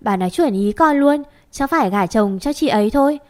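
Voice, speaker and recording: A woman reading as a cheeky teenage younger sister who teases and tattles. Her voice is high and playful. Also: animated, brisk, a little mellow, natural voice. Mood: teasing. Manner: cheeky, teasing.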